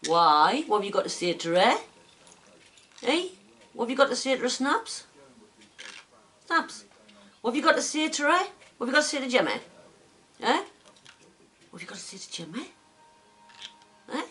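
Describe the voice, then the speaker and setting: A woman's voice: fairly high pitch, very animated, normal speed, pauses often, a bit bright. A woman at home, coaxing and praising her pet bird in a sing-song baby-talk voice. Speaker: pet owner. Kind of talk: casual chat to a pet bird. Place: indoors at home.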